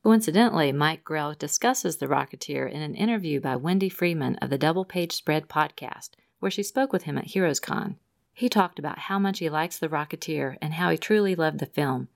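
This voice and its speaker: A woman with a low voice and a gravelly edge reads listener messages as co-host of a podcast. She stays upbeat and leans into the quoted lines with lively emphasis. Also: a little fast. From Rhode Island, USA. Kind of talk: reading listener mail.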